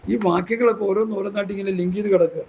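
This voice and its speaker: High gravelly pastor. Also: male voice, fairly even intonation, rapid-fire, a little mellow, muffled recording, slight background noise. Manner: impassioned, scolding, rhetorical questions. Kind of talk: Bible study sermon.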